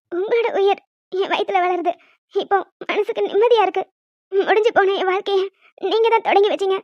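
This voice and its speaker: A woman's voice: very high voice, dry recording. A woman voicing an emotional young wife in a cartoon, earnest and heartfelt, near tears. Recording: dull dry sound.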